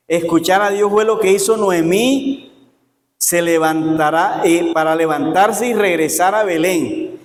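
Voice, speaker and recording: A pastor preaches to his congregation in a folksy, joking way, often asking them to answer back. His voice sits high for a man. The church hall around him rings with a long, roomy echo. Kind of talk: Sunday school sermon. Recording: echoey church hall reverb.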